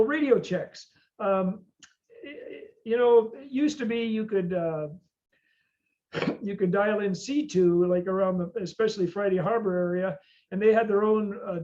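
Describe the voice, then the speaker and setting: High-pitched American man teaching, dull lo-fi sound. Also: a little mellow. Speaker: boating class instructor. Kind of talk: informal classroom lecture.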